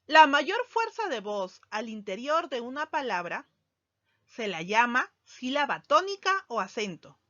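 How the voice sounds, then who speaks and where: A woman teacher giving a recorded grammar lesson, speaking slowly and deliberately and stressing key words. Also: fairly high pitch, very animated, a bit bright, no echo. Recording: dull lo-fi sound, dry.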